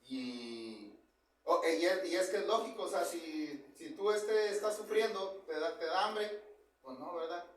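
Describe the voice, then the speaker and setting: Male preacher, high voice, chatty sermon style, recorded from a distance. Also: a little slow. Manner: conversational, keeps asking "¿verdad?" and addressing "hermanos". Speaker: preacher teaching a Bible lesson. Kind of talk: informal sermon. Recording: very echoey hall, mic far off.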